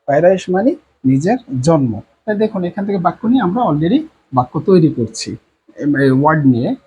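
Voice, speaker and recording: A man teaching a language lesson at a board, repeating each word slowly and often, with many drawn-out fillers and a Bangladeshi Bengali accent. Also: on the high side, big pitch swings, muffled recording, slight background noise.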